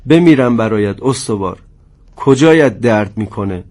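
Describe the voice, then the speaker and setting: A man voicing a brutal giant guard who taunts his prisoners in a rough, harsh voice. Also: medium pitch, expressive, darkish tone, natural voice. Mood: mocking. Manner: sneering, taunting. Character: brutal giant armed male guard, mocking.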